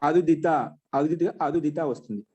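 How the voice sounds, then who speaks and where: A man teaching Sanskrit grammar in an online class, repeating each phrase slowly so students can write it down. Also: on the high side, dark tone, husky.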